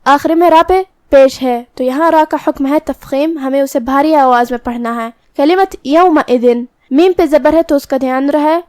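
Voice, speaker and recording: A woman teaching Quran recitation rules in a tajweed lesson, explaining each letter step by step and chanting verses slowly. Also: sits high, darkish tone, dry recording, studio quality.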